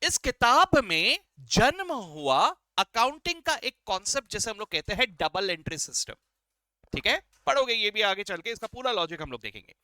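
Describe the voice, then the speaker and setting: A man's voice: high-pitched, very animated, normal speed, sharp tone, no room sound. A male accounting teacher giving a playful lecture, quizzing his viewers and mixing English phrases into his talk. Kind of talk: classroom-style lecture.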